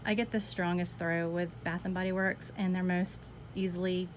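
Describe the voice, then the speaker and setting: A woman's voice: fairly low pitch, level tone, normal speed, a little hiss or hum. A woman, chatting casually in a vlog and reading off a long list of items one after another, a little out of breath. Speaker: candle collection vlogger. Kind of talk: casual chat, listing items.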